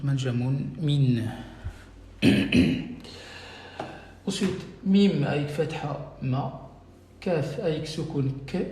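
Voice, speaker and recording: Recorded on a phone in a room with echo and a little background noise, this male Arabic teacher speaks with a fairly high, mellow voice. During his live-stream lesson he goes through viewer names one by one, patiently correcting them.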